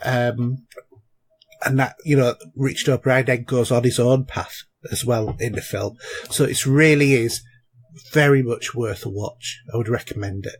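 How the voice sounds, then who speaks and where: A man's voice: medium pitch, fairly even intonation, a little slow. A man, co-hosting a podcast and chatting casually about films and shows, with lots of fillers and restarts. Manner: rambling, many fillers and restarts. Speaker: podcast co-host.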